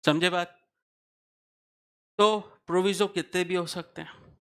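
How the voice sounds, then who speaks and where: A man's voice: sits high, fairly even intonation, slow pace, fairly bright tone, clear, resonant tone. A man teaching a tax law class, explaining step by step and often asking his students questions to check they follow. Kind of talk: classroom lecture.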